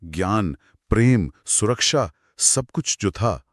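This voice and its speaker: A man co-hosting a conversational retelling of scripture, narrating with expressive, dramatic pauses. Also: on the low side, dry recording, clean studio sound. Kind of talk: conversational storytelling discussion.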